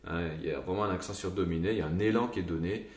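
A man's voice: low-pitched, rapid-fire, reverberant. A man teaching Gregorian chant to a choir, explaining the melody and now and then singing short examples.

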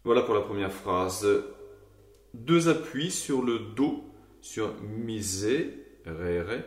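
Low-voiced man teaching chant, echoey room. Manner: explanatory, with short sung examples. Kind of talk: explaining chant to a choir.

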